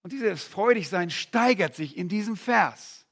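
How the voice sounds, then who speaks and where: A male preacher with a high-pitched voice that is gravelly and worn hoarse. He swings from low, hushed stretches to loud, fervent outbursts as he preaches. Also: expressive, unhurried. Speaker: pastor. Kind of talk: sermon.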